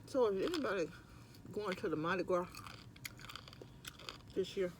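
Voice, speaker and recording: A man's voice: sits high, expressive, moderate pace, background noise. A middle-aged man, chatting casually and ramblingly to viewers while eating, sometimes with his mouth full. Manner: rambling, conversational. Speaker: mukbang vlogger. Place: at work on lunch break.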